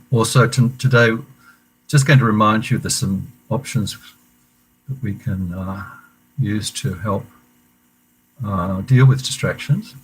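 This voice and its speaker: A man leading an online meditation class, speaking gently and haltingly, with many fillers and restarts. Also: lowish voice, slight background noise, rough recording. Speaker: meditation teacher. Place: room at a meditation centre.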